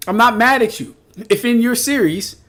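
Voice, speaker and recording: A young man streaming live, reading chat and riffing on anime debates with teasing, animated banter and frequent laughter. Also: very high-pitched, normal speed. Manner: animated, teasing, repetitive riffs, laughs often.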